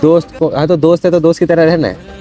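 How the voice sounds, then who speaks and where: A young man running a prank vlog, pleading and coaxing, repeating his words to calm someone down. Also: fairly high pitch, quick pace, soft background music. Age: young adult. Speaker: prank vlogger. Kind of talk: casual prank vlog argument.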